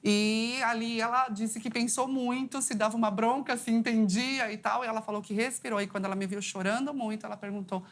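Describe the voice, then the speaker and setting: A woman's voice: fairly even intonation, brisk, hardly any pauses. Earnest woman telling a story. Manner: heartfelt, earnest storytelling with rising pitch at climaxes. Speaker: psychologist guest. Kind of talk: personal story on a TV talk show.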